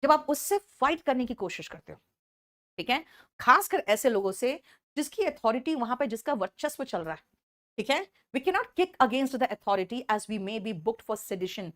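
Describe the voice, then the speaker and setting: A woman teaching English phrasal verbs to a class in Hindi, reading the example sentences slowly in Indian English and scolding and teasing her students. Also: a little high, very animated, a bit bright. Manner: scolding, teasing students, calls them beta. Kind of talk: online class lecture.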